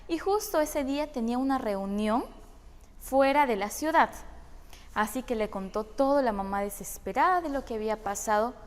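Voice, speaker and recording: A woman with a Peruvian Spanish accent telling a church story to children in a measured way, speaking to them directly. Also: a little high. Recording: long hall reverb.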